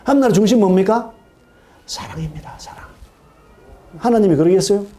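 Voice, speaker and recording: A middle-aged man preaching a sermon in a church, animated, asking his congregation questions and acting out quoted voices. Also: high voice, brisk. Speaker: pastor. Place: church sanctuary.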